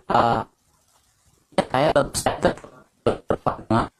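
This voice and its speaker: A man's voice: medium pitch, slow pace. A man calling into a live debate over a crackly, breaking-up phone connection, talking hesitantly as he concedes a point. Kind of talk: conversational debate. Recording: noisy, crackling call line.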